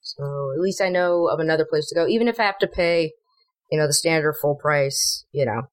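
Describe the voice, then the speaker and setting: A woman's voice: deep voice, fairly quick, no room sound. A woman playing a tabletop game, chatty and hesitant, with many fillers. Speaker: player. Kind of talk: casual tabletop play.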